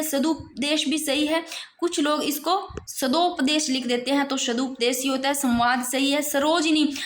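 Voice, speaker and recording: A woman with a high, bright voice teaches an exam-prep spelling lesson, repeating each word slowly and patiently. Her voice rings in a roomy, echoey space. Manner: explains patiently, repeats words slowly, addresses students as brother. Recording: echoey room.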